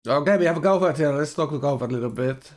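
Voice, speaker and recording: Male esports stream host, voice a bit high, casual and halting, slightly awkward articulation from a numbed jaw. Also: darkish tone. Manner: loose, rambling, halting delivery. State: numb mouth after dental anesthesia, slightly awkward, slurred speech. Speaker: live stream host and game tournament commentator.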